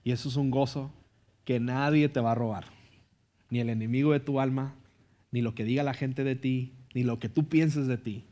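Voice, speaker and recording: Earnest Mexican pastor preaching. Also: male voice, mid-range voice, steady tone, normal speed, mellow. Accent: Mexican Spanish. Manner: conversational, tags lines with ¿no? and ¿verdad?; earnest, pleading altar call. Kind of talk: sermon with personal story.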